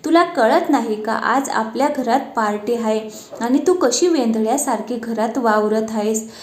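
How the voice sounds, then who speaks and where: A woman's voice: on the high side, moderate pace, roomy sound, natural voice. A woman reading the part of an irritable middle-aged husband who scolds his wife, in a storybook narration. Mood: scolding. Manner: scolding, complaining.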